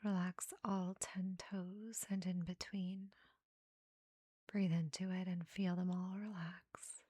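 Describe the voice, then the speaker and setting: In a level, studio-quality recording free of room sound, a woman guides a meditation almost in a whisper, soft and breathy. She speaks very slowly with an even pitch, leaving pauses between brief, gentle phrases, her dark and mellow tone designed to soothe.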